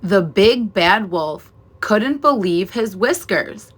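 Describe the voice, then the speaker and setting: A woman's voice: medium pitch, animated, slow, husky. A woman narrating a children's story expressively, like a teacher reading aloud.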